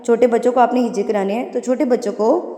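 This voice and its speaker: Woman tajweed teacher, patient slow spelling, higher voice, long reverb. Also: fairly even intonation, warm tone. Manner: patient, explains then spells words slowly syllable by syllable.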